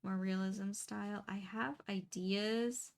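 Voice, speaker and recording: Slow-talking, chatty young woman painter. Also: mid-range voice, fairly even intonation, vocal fry. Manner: rambling, chatty, laughs often. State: sleepy. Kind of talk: casual chat while painting.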